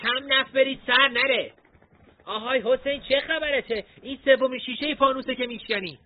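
A man voicing a bossy, hot-tempered thirteen-year-old boy in an audiobook story, speaking in fast boyish bursts. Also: very high voice, phone-quality sound, voice pushed up.

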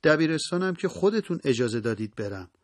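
A man voicing a young daughter who speaks softly, respectfully and pleadingly, in an audiobook reading. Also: a little high, big pitch swings, no room sound, studio quality, pitched above the performer's own voice. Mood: earnest. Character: earnest teenage daughter, quiet and determined.

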